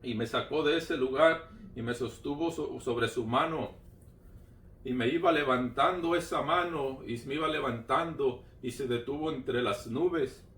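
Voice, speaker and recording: A man's voice: mid-range voice, measured pace, fairly bright tone. A man giving a personal religious testimony, retelling it fervently with lots of repetition. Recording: roomy sound from a distant mic.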